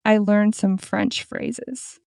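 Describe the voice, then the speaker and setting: A woman voicing a slow young dreamer. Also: medium pitch, very animated, darkish tone, no echo, clean studio sound, exaggerated voice. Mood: calm. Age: 20s. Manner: slow, clear, each sentence said twice. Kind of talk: scripted story for repeat-after practice.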